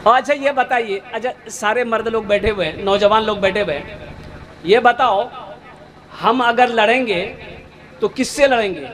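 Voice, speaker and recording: A man from Bengal giving an animated sermon to a seated gathering, questioning his listeners and slowing down for emphasis. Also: high-pitched. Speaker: Islamic preacher. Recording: live gathering with crowd noise. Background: seated crowd of listeners.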